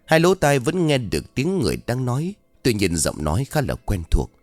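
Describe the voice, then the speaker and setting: A man's voice: medium pitch, very animated, normal speed, a little mellow, no room sound, soft background music. A man narrating a horror story in a dramatic, tension-building way.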